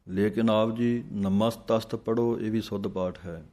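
A man teaching scripture recitation, chanting verses slowly, then quickly explaining the correct pronunciation. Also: fairly low pitch, steady tone, mellow. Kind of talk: slow recitation with pronunciation guidance.

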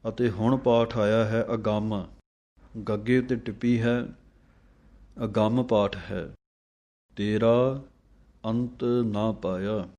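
A man teaching careful scripture recitation line by line, chanting each phrase slowly and then briefly explaining how to say it. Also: on the low side, steady tone, mellow. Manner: slow chanted lines, then quick spoken corrections.

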